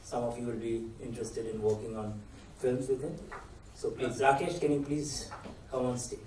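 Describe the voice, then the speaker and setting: A man, briskly and courteously introducing a guest as moderator of a masterclass. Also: mid-range voice, little pitch movement, very noisy. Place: large festival hall. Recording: echoey hall, mic at a distance.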